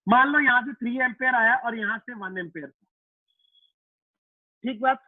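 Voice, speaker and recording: Guy teaching physics online, really high voice, tinny phone-like sound, keeps repeating stuff. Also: moderate pace, no room sound. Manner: repeats himself and voices students' questions to himself; casual, addresses students as "beta" and "yaar". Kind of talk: online class lecture. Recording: tinny, dry phone-like line.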